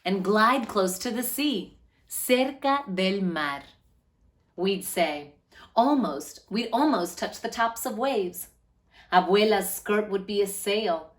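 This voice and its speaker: Reading a picture book to children, a medium-pitched woman takes on the role of storyteller. She stretches out words and shapes each phrase with lively, careful intent.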